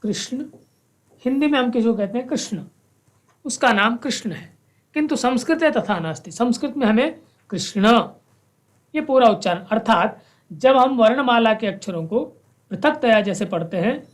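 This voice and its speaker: A woman teaching a language class, slowly reciting verses with careful pronunciation and then explaining them. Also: on the high side, lively intonation. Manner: switches between chanted verse and spoken explanation. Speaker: Sanskrit teacher.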